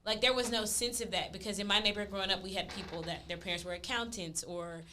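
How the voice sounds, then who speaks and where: A woman's voice: mid-range voice, steady tone, fast, pushed and bright, a little hiss or hum. A woman from Texas, co-hosting a casual podcast chat and talking freely with laughing asides. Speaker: podcast co-host.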